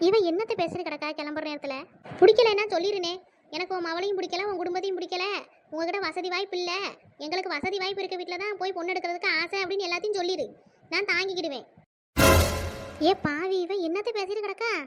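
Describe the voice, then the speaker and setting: A performer voicing a sharp-tongued village wife in a cartoon, grumbling sarcastic asides. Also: fairly even intonation, quick pace. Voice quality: high squeaky cartoon voice. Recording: dull lo-fi audio.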